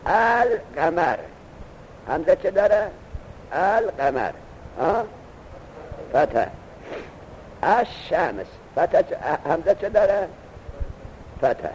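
A man teaching a classroom grammar lesson, explaining slowly and quizzing his students with questions. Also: high-pitched, big pitch swings, darkish tone, slight background noise, rough recording.

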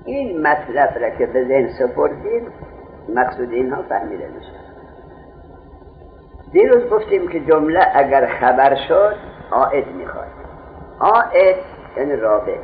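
A man's voice: mid-range voice, big pitch swings, pauses often. A man teaching a grammar class, explaining with everyday market examples and answering his own questions. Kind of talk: classroom lecture on Arabic grammar. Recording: tinny phone-like lo-fi recording, faint hiss.

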